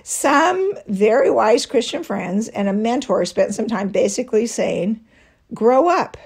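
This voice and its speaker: Husky-voiced woman giving a devotional talk. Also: a little high, lively intonation, measured pace, a little mellow. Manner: personal storytelling with light laughs. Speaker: women's ministry speaker.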